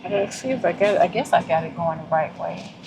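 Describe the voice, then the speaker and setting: A woman's voice: on the low side, a little fast, background noise. A woman with a Southern American accent talking casually to her viewers in a vlog, effusive and heartfelt. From Southern United States. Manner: effusive, animated, heartfelt, addresses viewers as y'all. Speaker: vlogger.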